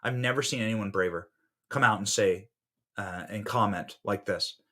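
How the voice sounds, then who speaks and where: A man in his thirties hosting a political podcast, giving fiery commentary that swings between loud outbursts and hushed asides. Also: lowish voice, moderate pace. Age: 30s.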